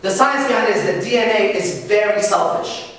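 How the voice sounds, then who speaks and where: A man's voice: sits high, a little fast, fairly bright tone. A man giving a live lecture, blunt and crude with a lot of swearing, who acts out quoted voices. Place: lecture hall. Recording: echoey hall from far off.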